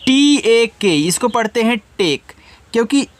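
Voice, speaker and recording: A man's voice: very high voice, animated, a little slow. A man teaching beginners to read, patiently spelling words out letter by letter and speaking directly to the student. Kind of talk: spelling and reading lesson for beginners.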